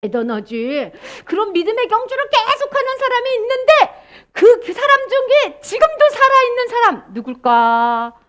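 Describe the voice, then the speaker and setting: A woman giving a children's sermon, animated and asking the children questions. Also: extremely high pitch, normal speed. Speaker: children's preacher.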